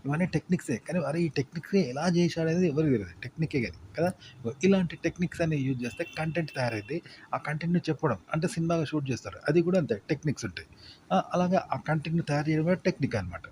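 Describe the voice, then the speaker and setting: A man's voice: a little high, expressive, fast, darkish tone, slight background noise. A man explaining in a casual, rambling spoken lesson, repeating points with fillers. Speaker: content creation teacher.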